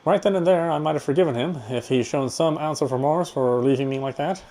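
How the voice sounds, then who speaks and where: Reading visual novel narration out loud to game music, this streamer performs it expressively but stumbles over words at times. His voice runs on the high side with a dark tone, and he talks fairly quickly.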